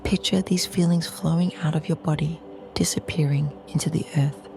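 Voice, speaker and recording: A woman guides a calm grounding meditation, speaking slowly and soothingly in short, measured phrases. Her low-pitched voice is soft, breathy, and half-whispered, heard over music.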